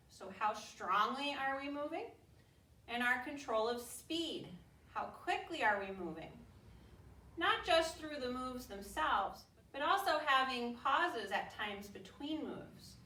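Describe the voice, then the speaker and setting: A woman instructor explains technique to her students in measured phrases. Her voice is bright and slightly high. She is recorded in an echoey room. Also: lively intonation. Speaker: martial arts instructor. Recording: echoey room, distant mic, faint noise.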